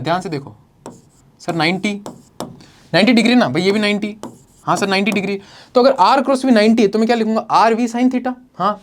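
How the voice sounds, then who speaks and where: There's a little hiss or hum behind this man's fairly high-pitched voice as he lectures on physics at a board. Step by step, he raises questions, answers them himself, and calls his students "bhai sahab" and "beta".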